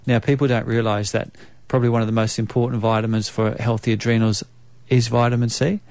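A man with a New Zealand accent speaking as a naturopath guest, explaining in a measured way with frequent ums. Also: medium pitch, level tone, a little mellow, no echo. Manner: measured, explanatory, many um fillers. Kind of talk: conversational expert interview.

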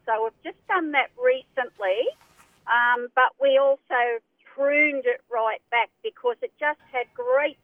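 High-pitched Australian woman on phone. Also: dry recording. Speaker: caller. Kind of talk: casual phone conversation. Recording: thin narrowband telephone line.

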